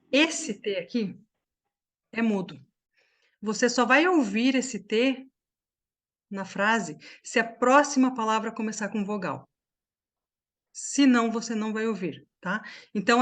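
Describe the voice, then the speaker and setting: A woman from Brazil leads an online language class through a computer microphone, her voice sitting at an ordinary middle pitch. She explains each point step by step and keeps checking that her students are following. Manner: explains slowly with many checking questions. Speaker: English teacher.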